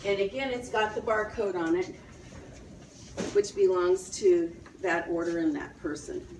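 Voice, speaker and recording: A woman's voice: mid-range voice, expressive, measured pace, background noise. Woman, tour guide, informal explanations, distant microphone, echoey warehouse. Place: large indoor warehouse. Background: loud warehouse ambience.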